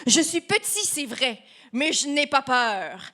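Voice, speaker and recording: A woman's voice: high-pitched, sing-song, takes it slowly, bright, forceful tone, full character voice. A woman voicing a small, brave and cunning male lumberjack. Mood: confident.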